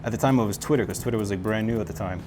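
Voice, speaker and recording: A man's voice: on the low side, racing, a little mellow, slight background noise. A man hosting a casual chat, easygoing and asking questions. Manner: easygoing, laughs along, asks questions. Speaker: host.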